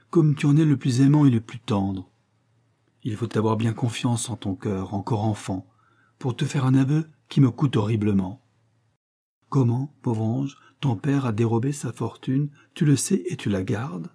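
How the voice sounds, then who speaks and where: A man's voice: medium pitch, warm tone, husky. A man reading aloud the tender, moralizing letter of an earnest young wife.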